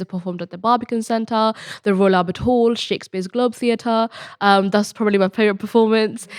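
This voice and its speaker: A woman's voice: medium pitch, smooth, no echo, clean studio sound. A young woman of eighteen, born in Bangladesh and raised in Spain, earnestly telling her story as a podcast guest, with many restarts and ums. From born in Bangladesh, grew up in Spain. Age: late teens. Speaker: podcast guest, student mentor. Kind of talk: podcast interview, personal story.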